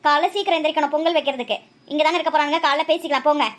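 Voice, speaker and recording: Cartoon mom, strict but doting, high and rapid-fire; woman voices her. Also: steady tone, close to an everyday voice. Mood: scolding. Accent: Tamil Nadu. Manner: scolding, quick-tempered, then tender. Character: strict, loving middle-aged village mother. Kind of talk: cartoon voice acting.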